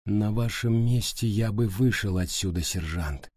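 A man voicing an intense, stubborn teenage boy who speaks slowly and spells out every word, in a low husky voice. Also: a little mellow, dry recording, clean studio sound, heavily acted. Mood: ominous. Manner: slow, every word clearly spoken.

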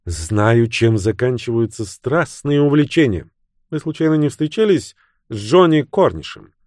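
A cool, sharp-tongued young woman with a mocking edge, as a male narrator puts her on. Her voice sits higher than his own and swings widely. The recording is close and dry. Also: expressive, unhurried, dry recording, close to an everyday voice.

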